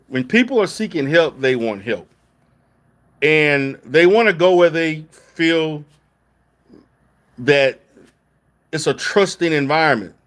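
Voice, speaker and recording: A middle-aged man talks casually to his viewers at an ordinary mid-range pitch. He restarts sentences often and keeps checking in with a quick "okay?" as he makes his points. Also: a bit bright. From Louisiana. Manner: repetitive restarts, emphatic "okay?" check-ins. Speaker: therapist.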